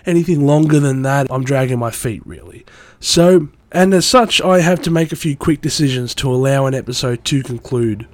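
A man with a mid-range voice and a cold hosts his own music review podcast, speaking at a moderate pace with no room sound. His solo commentary is enthusiastic and rambling.

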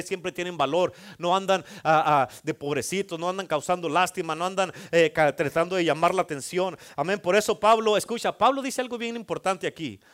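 High-voiced fervent preacher. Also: male voice, a bit bright. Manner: fervent preaching with rising intensity, joking asides. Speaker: pastor. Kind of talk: sermon.

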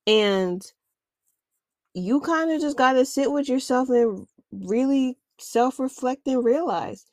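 A woman's voice: high-pitched, animated, takes it slowly, a little mellow, no echo, clean studio sound. Candid woman giving casual self-help advice. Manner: candid, conversational, uses slang. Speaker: podcast host.

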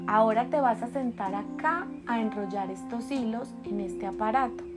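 A loud, sharp-tongued storybook witch, put on by a mother. The voice is pitched high and barks its orders, with guitar music playing behind. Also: normal speed, lightly acted. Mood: bossy. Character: wicked aunt witch, bossy and furious.

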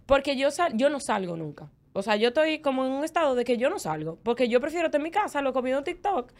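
A young adult woman with a Dominican Spanish accent, co-hosting a casual chat and telling candid, expressive stories. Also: sits high, quick pace. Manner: candid, expressive storytelling with lots of fillers. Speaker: podcast co-host.

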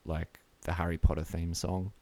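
A man's voice: low-pitched, flat delivery, normal speed, gravelly, mellow. A man with a broad Australian accent hosting a casual podcast chat in a blokey, slangy, sweary way. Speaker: podcast host.

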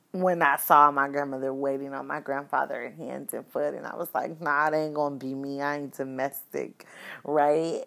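A woman's voice: deep voice, creaky, a bit bright. A woman casually telling a personal story, candid and profane, with lots of fillers. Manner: acts out quoted lines in shifted voices.

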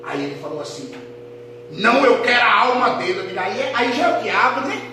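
A man, a pastor, telling a testimony in a sermon, dropping to a hush and rising to shouts. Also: sits high, expressive, a little fast. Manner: dramatic storytelling, swings from hushed to shouting. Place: church hall. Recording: echoey hall with noise.

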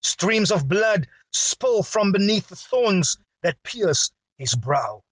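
A man preaching a sermon with a dramatic, drawn-out delivery and big swings in pitch. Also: very animated, no echo.

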